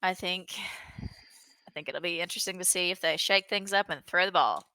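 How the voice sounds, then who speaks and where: A woman co-hosting a podcast in casual chat, profane and excitable, quick to laugh. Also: fairly low pitch, no echo. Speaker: podcast co-host.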